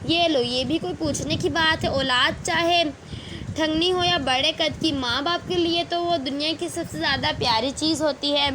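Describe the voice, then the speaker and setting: A woman's voice: high-pitched, noisy background, close to an everyday voice. A woman doing a frail, lonely old woman. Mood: wistful. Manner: gentle, wistful.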